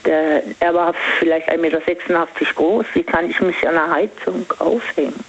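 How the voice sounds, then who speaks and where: An older woman calling in, confiding personal matters in halting phrases with pauses. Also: fairly low pitch, fairly even intonation, a little hiss or hum. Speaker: caller. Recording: dull phone line.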